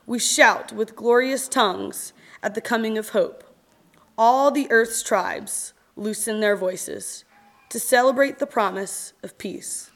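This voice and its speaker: In a fairly high pitch, a female reader delivers scripture and poetry during a church service. The reading is solemn and expressive, with measured phrasing and deliberate pauses.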